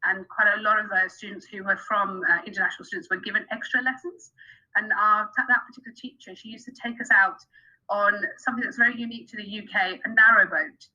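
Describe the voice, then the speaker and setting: A woman's voice: medium pitch, steady tone, quick pace, pushed and bright, muffled recording. A woman from Pakistan who grew up in the UK, a podcast guest telling her career story in a hesitant way with many fillers. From Pakistan, raised in the UK. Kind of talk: casual interview storytelling.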